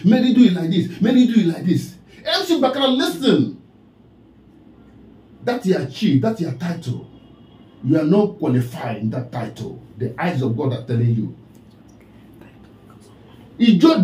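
In a roomy, echoey space, a Nigerian-accented man gives a preachy commentary monologue, scolding someone and repeating their name. He is an online commentator whose voice is strikingly high and swooping, mellow rather than bright.

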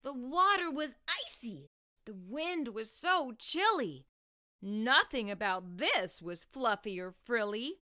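A middle-aged woman reads stories aloud to children, her fairly high voice very lively and her tone bright and clear-cut. Unhurried and expressive, she takes it slowly, shaping each phrase for young ears, and uses a lapel mic.

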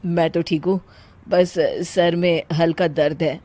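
A woman voicing a tired, irritated young husband in a low, put-upon voice. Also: flat delivery, unhurried, dark tone, dry recording, lightly acted.

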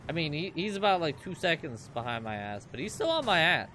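A man's voice: a little high, very animated, fairly quick, sharp tone, a little hiss or hum. A man in his twenties rambling and joking with viewers as he comments on his own gameplay. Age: 20s. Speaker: let's play host.

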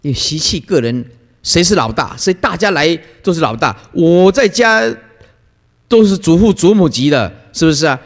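A man preaching as a Buddhist master, his voice swinging up and down as he acts out the people in his stories. He laughs now and then between points. His talk rings with the long echo of a big lecture hall. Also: normal speed. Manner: lively storytelling, acts out quoted people with playful pitch jumps and laughter. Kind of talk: sermon.

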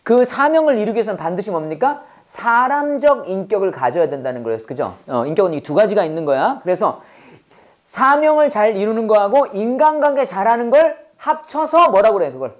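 Animated woman teaching, call-and-response. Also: mid-range voice, fairly quick. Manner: lively, call-and-response drilling with laughs. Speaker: English teacher. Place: classroom with students.

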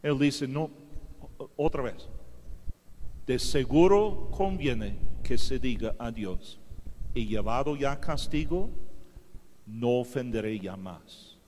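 A man preaching a sermon as pastor, emphatic, swinging from loud to hushed. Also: medium pitch, animated, takes it slowly, pauses often, long reverb tail, slight background noise. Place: church hall.

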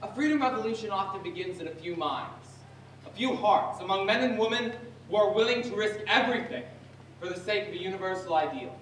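A man's voice: high-pitched, a little fast, a bit bright, slight background noise. A man giving a solemn theatrical speech on a stage. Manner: solemn, declaiming. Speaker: stage performer. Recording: echoey theater from far off, music behind.

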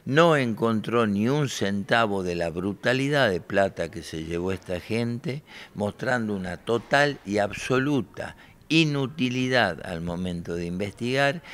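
A man's voice: fairly low pitch, lively intonation, measured pace, fairly bright tone. A man in his forties from Argentina, a lawyer answering press questions in a combative, indignant way, with handheld reporter mics held close. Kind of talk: press interview. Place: bright room by large windows.

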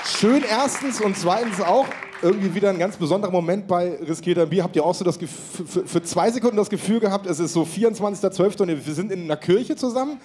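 A man's voice: sits high, fast, few pauses, darkish tone, a faint crowd, a little hiss or hum. A man hosting a live quiz show with playful, teasing game show host patter.

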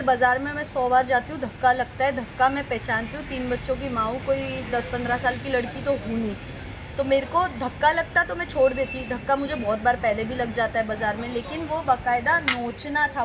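A woman in her thirties giving an on-street interview, telling her account forcefully and emphatically. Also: sits high. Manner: forceful, indignant, emphatic retelling. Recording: noisy street ambience.

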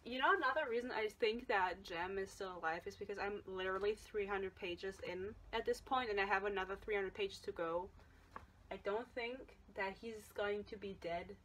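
A woman's voice: mid-range voice, moderate pace, a bit bright, a little hiss or hum, low-quality recording. A young woman giving a casual, exasperated and emphatic book reaction vlog from her bed, recorded at about arm's length. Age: young adult. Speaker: book vlogger. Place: bedroom, lying or propped on bed.

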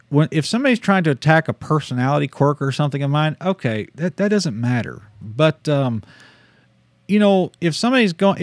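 A Southern American man in his thirties, a missionary preacher, delivers a casual livestream sermon in a folksy, self-deprecating way, often laughing at himself. His voice is fairly high, and he's recorded dry on a studio desk mic in a small studio with purple-lit shelves.

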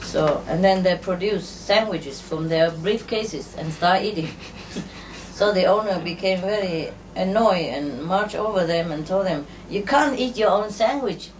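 A woman telling jokes and stories to an audience in a halting, unhurried way, with many fillers. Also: fairly low pitch. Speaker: spiritual teacher telling jokes. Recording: distant mic with faint ambient noise.

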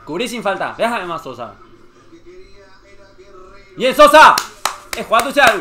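A young man reacts to a football match, cheering players and shouting at each chance. His voice sits very high and swings widely in pitch. The tone is bright and sharp. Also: very animated, quick pace, faint music behind.

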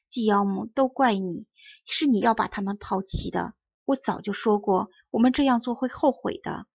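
A woman's voice: medium pitch, vocal fry, husky, dry recording, highs cut off. A woman doing a grieving peasant mother. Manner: plaintive, lamenting. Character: poor woodcutter's wife, grieving, nagging mother.

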